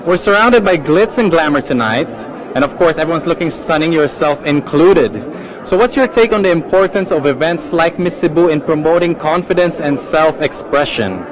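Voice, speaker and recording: A man's voice: fairly high pitch, expressive, moderate pace. A man interviewing guests live in gushing red carpet chatter, complimentary and echoing their answers. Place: outdoor red carpet event. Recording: noisy crowded outdoor event, traffic.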